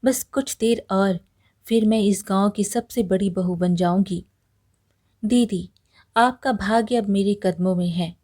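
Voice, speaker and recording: A woman's voice: mid-range voice, a little slow, mellow, close to an everyday voice. A woman voicing a scheming young woman who has taken her sister's place as a bride, sly and pleading by turns. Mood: gloating.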